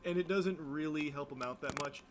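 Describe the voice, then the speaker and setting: A man's voice: on the high side, a little fast, heavy background noise. A man casually commentating on a video clip in a chatty, mocking, profane way.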